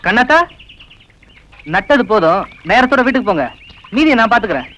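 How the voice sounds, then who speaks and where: A young village overseer who runs the farm workers with a sharp tongue. His voice sits very high and bright, and his lines come out fast and forceful. Under the strictness there is a protective streak. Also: expressive, a little hiss or hum, exaggerated voice, rough recording. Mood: scolding. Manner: scolding, then tender. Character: stern young village work overseer, caring cousin. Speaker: field overseer. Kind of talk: TV drama acting.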